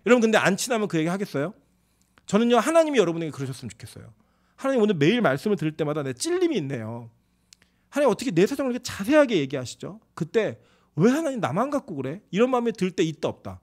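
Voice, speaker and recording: Animated Korean pastor in his forties. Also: sits high, quick pace. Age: 40s. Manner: animated, conversational preaching with quoted asides. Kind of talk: sermon. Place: church sanctuary.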